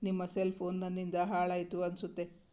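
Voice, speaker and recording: Narrator voicing an anxious shy young woman, pleading, very flat delivery, storybook romance. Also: medium pitch, moderate pace, natural voice. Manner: pleading, worried.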